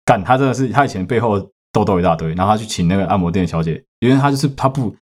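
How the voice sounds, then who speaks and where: Low-voiced man with a Taiwanese accent. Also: animated, racing. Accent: Taiwanese Mandarin. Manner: profane, with sudden loud outbursts. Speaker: podcast host. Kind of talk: casual storytelling.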